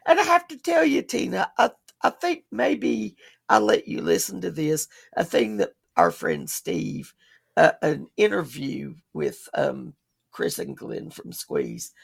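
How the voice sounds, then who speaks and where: A woman's voice: on the low side, sing-song, slow, gravelly, breathy edge. A woman co-hosting a podcast in casual chat, chatty and laughing often. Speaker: podcast co-host.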